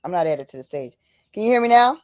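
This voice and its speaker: A woman with a lowish, animated voice hosts a livestream at a fast clip, casual and fervent, leaning on fillers. She hammers points through repetition and calls out to "y'all", and the recording is dry with clean studio sound.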